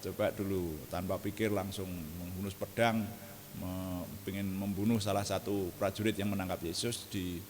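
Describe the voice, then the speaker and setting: A man preaching an evening prayer sermon, animated and jokey, often laughing at his own asides. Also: sits low, moderate pace, in a large hall, slight background noise.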